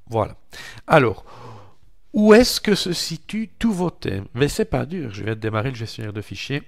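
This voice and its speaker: A man with a French accent walking viewers through software on screen in a relaxed, chatty way, calling out each click with little interjections. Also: mid-range voice, creaky. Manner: slow, chatty, narrates each click with "voilà" and "hop". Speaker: tech tutorial host. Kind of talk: screen-recorded software walkthrough.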